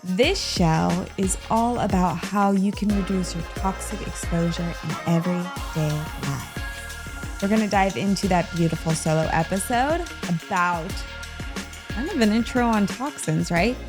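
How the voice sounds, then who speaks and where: A woman's voice: fairly low pitch, unhurried, music in the background. A woman hosting her own solo podcast about everyday wellness, talking casually and playfully straight to the listener. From American Midwest. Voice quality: chatty, animated, with playful asides. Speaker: podcast host.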